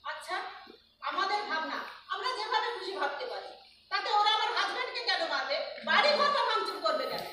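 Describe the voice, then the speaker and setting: A proud, exclaiming consultancy head, acted by a woman on stage, her very high voice bouncing around a large echoey hall. The mic sits far from her, with music underneath. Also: very animated, fast talker, sharp tone, slight background noise, heavily acted. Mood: indignant. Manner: indignant, exclaiming. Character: proud woman running a women's consultancy, defiant then panicked. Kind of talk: stage play acting.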